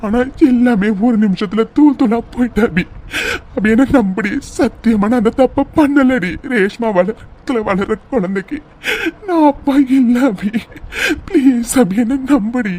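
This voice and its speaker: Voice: mid-range voice, normal speed, dark tone, close to an everyday voice. A voice actor playing a young husband in a cartoon serial, pleading and tearful, repeating himself.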